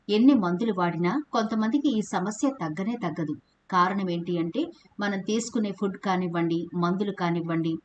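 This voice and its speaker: A woman hosting a home remedy channel, reading a steady scripted explanation and addressing viewers as friends. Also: medium pitch, slight background noise. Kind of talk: scripted voice-over narration.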